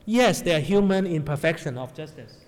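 A male preacher delivers a sermon to a congregation in a hall with long reverb. His fairly high voice is brisk with lively intonation, and he speaks non-native English with grammar slips, often asking the audience "right?"

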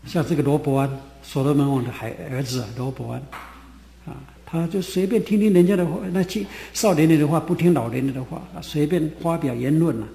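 Male preacher, mellow voice, folksy sermon with filler sounds, reverberant hall. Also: a little high, a little fast, gravelly. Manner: folksy Bible teaching with many "ah" fillers. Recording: echoey hall with faint ambience.

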